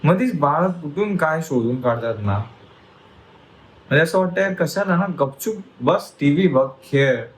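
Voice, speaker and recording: A man's voice: fairly high pitch, expressive, moderate pace, low-quality recording. Man coaxing a child at home. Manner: coaxing and soothing toward a child. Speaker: father and family vlogger. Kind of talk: casual home vlog narration. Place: home indoors.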